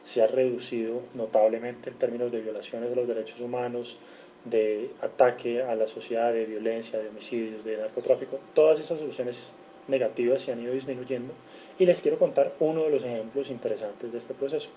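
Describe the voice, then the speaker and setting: Earnest and given to frequent self-corrections, a guest lecturer from Cali, Colombia, runs through figures in an online seminar held over video call, speaking with a Colombian accent. His mid-range voice is dark and fairly quick with fairly even intonation, captured in a low-quality recording with a little hiss or hum.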